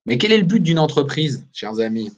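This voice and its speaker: A man's voice: on the high side, very animated, fairly quick, dull audio. A man presenting a business webinar as a recruiter, talking animatedly and putting questions straight to his listeners over a video call microphone. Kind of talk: lively business webinar talk.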